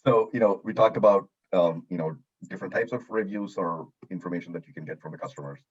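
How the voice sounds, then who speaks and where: Deep husky man, quick and loose. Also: dull audio. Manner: loose, many fillers like "you know" and "right". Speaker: host. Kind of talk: casual conversation.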